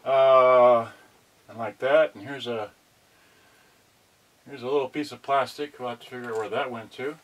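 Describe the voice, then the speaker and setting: A man demonstrates an unboxing as a product reviewer, speaking casually and distractedly, partly to himself, as he handles things. His voice is medium in pitch with fairly even intonation and normal speed, and he pauses often. The audio is dull, recorded at home by a tripod camera at varying distance, with clear noise and clicks.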